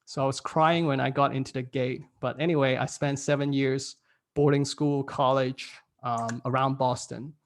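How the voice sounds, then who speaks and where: A man's voice: mid-range voice, steady tone, moderate pace. A man in his thirties from Hong Kong, giving a casual online workshop talk from home, laughing often at his own jokes. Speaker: workshop speaker. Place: home room.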